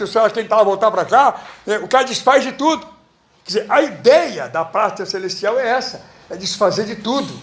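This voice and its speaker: A middle-aged pastor from Brazil preaches to a class in a blunt, slangy manner. His high voice swings widely as he pushes each point with emphasis. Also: a little hiss or hum. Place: school classroom.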